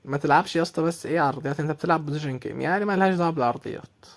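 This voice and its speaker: Man, young adult, Egyptian Arabic accent, gameplay commentary, exasperated, repetitive, fast, dry close sound. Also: a little high, no room sound. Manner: exasperated, shouting at the game, repeating himself. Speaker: gaming YouTuber.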